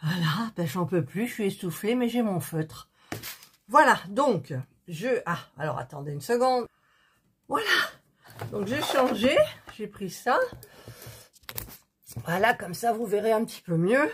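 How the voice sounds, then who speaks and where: A woman talks viewers through a craft project in an unhurried, easygoing way, pausing often to hesitate and think aloud. She counts things off one by one as she goes. A faint hiss sits under her voice. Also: mid-range voice, animated. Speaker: crafting video host. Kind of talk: casual chat while doing a diamond-painting craft.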